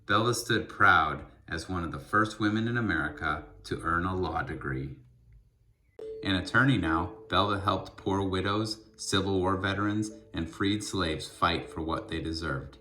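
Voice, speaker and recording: With a deep voice, a man gives an expressive storytelling reading of a children's book, placing his words deliberately and with emphasis.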